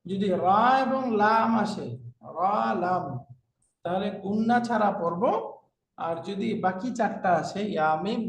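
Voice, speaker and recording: A male Arabic teacher with a Bangladeshi Bengali accent giving a classroom lecture, slowly repeating terms and asking rhetorical questions. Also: sits high. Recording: echoey room, far from the mic, faint noise.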